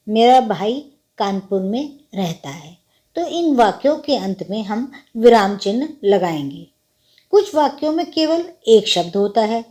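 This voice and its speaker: A woman's voice: medium pitch, dark tone. A woman teacher explaining grammar patiently, step by step with examples. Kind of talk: grammar lesson.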